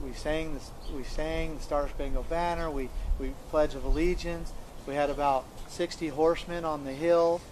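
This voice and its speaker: Man, earnest and emphatic storyteller, slightly high voice, repeats himself, faint noise underneath. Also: a little mellow, poor audio. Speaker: interviewee recounting events. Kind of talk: conversational storytelling.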